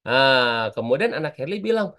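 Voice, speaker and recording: A man's voice: medium pitch, expressive, a little fast. A man teaching an online public speaking class, chatty and constantly asking his students for answers.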